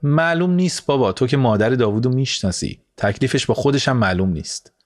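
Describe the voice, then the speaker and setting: A male narrator voicing a harried, irritable young mother who grumbles and speaks in a hurried, exasperated way in a storybook reading. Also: on the high side, fairly even intonation, fairly bright tone, no echo, voice pushed up, natural voice.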